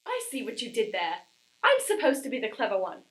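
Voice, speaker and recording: A woman's voice: fairly high pitch, huge pitch swings, fairly quick, a little hiss or hum. A woman playing a prim, clever schoolgirl co-anchor who talks in a proper, slightly prissy way.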